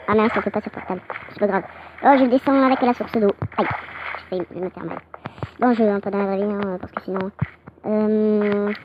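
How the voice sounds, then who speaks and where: A woman giving excitable, chatty gameplay commentary, her voice sped up and pitched higher. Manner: excitable, chatty, frequent exclamations. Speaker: game channel host. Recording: dull lo-fi audio with clear noise.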